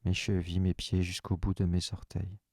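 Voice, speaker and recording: A man leading a guided relaxation session, giving calm, soft, unhurried instructions in the first person. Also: sits low, no room sound, studio quality.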